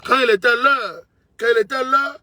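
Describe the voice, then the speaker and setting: A very high, sharp voice at normal speed, recorded without echo, belongs to a political commentator from Côte d'Ivoire. His monologue is impassioned and emphatic, repeating its points to the listener as though to a brother.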